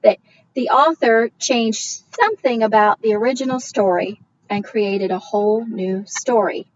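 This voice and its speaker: A woman teacher reading a storybook aloud as a lesson, with expressive, drawn-out emphasis, then explaining story elements. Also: on the high side. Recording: distant, dull recording with faint hiss.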